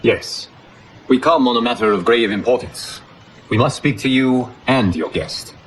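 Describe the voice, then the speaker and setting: An actor playing a calm, stately god of fire in a video game, with formal, measured and grave speech. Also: male voice, medium pitch, slight background noise, lightly acted, poor audio. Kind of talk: cinematic video game acting.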